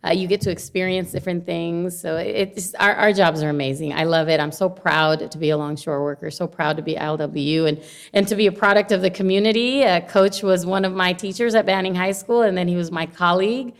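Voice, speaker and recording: Middle-aged woman from Honduras, guest, lively storyteller who laughs a lot. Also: lowish voice, fairly quick. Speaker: guest, longshore worker and former teacher. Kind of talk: casual interview conversation.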